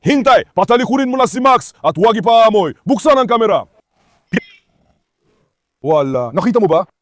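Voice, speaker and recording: A man with a strikingly high voice hosts a casual dog vlog, coaxing his animals with the same calls again and again. He also gives steady instructions to a helper on how to hold and approach the dogs. The sound is dry and close, with no room echo. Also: normal speed. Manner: coaxing, keeps repeating calls and commands to the dogs. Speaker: dog owner and channel host.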